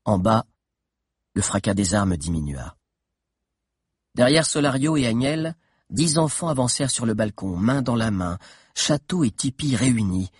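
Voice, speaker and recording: A man reading a children's adventure novel aloud in a steady, dramatic narration with tense pauses. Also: mid-range voice, breathy edge, no room sound, clean studio sound. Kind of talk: audiobook narration.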